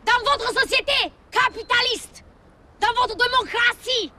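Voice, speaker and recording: An actress playing a wild young woman who rants and shouts slogans in a film scene, with traffic noise outdoors. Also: extremely high pitch, a little slow, heavily acted. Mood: ranting. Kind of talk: film acting.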